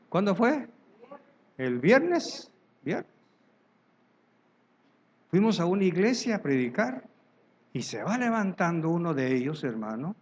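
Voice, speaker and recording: A pastor delivers a sermon in a church, his voice sitting high and moving over a wide, lively range. He tells stories from congregation life and acts out the voices of the people in them. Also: muffled recording.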